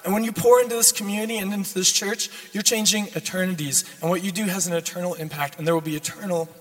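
A young man from Minnesota preaching a sermon in a hoarse voice, earnest and exhorting, with informal check-ins. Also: sits high, a bit bright. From United States, Minnesota. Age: young adult. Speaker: guest preacher. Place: large church sanctuary, speaking to a congregation. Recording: reverberant church sanctuary.

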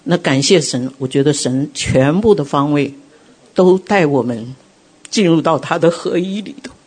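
A middle-aged woman preaching a sermon, telling her own testimony in an animated way and acting out quotes. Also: deep voice, normal speed, slightly rough. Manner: animated storytelling, acts out quotes.

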